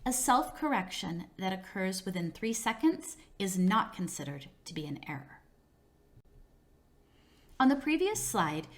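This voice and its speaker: A woman narrating a scripted teacher training lesson, explaining scoring rules step by step in a measured, clear way. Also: mid-range voice. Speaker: instructor in a teacher training video.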